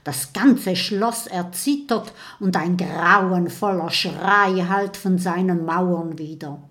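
A woman narrating a children's story with a measured, dramatic read-aloud delivery. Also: on the low side, fairly bright tone.

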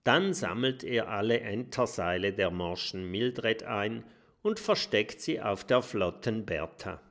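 A man narrating a children's storybook with a lively, expressive reading. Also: on the low side, a little slow. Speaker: audiobook narrator.

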